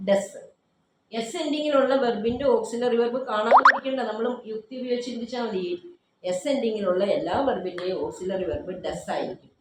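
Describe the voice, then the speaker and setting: A woman's voice: fairly high pitch, brisk. A woman teaching grammar to a class, firmly quizzing students and repeating their answers back to them. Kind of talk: classroom drilling with questions. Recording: very echoey room, faint background noise.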